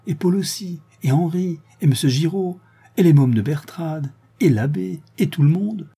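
A man voicing an eager little boy who chatters with excitement in a read-aloud novel. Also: on the high side, normal speed, breathy edge, pitched above the performer's own voice.

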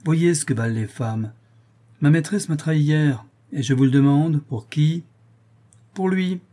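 A man's voice: fairly high pitch, expressive, normal speed, dark tone, husky, voice pushed up. A man reading an audiobook voices a rash young man of twenty who speaks in reckless exclamations. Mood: indignant.

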